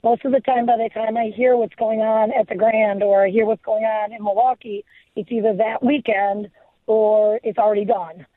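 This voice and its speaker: A woman's voice: fairly high pitch, little pitch movement, moderate pace, no echo. A woman calling in to a radio show over a phone line, chatting eagerly with plenty of suggestions. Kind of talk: casual call-in chat. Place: in northern Wisconsin. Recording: narrow tinny phone line.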